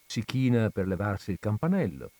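A man hosting a radio reading, narrating a classic novel in a theatrical, lively storytelling manner. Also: on the low side, moderate pace, no room sound. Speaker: radio reader and host.

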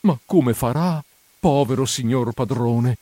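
Un uomo che interpreta una governante curiosa e insistente, tra suppliche e rimproveri, in un audiolibro. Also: male voice, medium pitch, slow, warm tone, no echo. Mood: scolding. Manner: pressing, coaxing and scolding. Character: nosy, insistent middle-aged housekeeper woman.

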